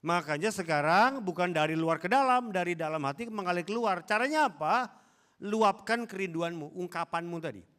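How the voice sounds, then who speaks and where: A man's voice: high voice, lively intonation, normal speed, bright, forceful tone, clean tone. A man from Indonesia preaching a sermon as pastor, exhorting and asking the congregation questions. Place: church hall.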